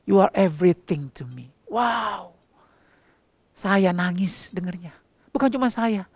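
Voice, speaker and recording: Animated male pastor telling a story. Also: slow, breathy edge, no room sound. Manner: animated, swings between soft, low passages and loud, high outbursts; acts out dialogue in storytelling. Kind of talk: sermon storytelling.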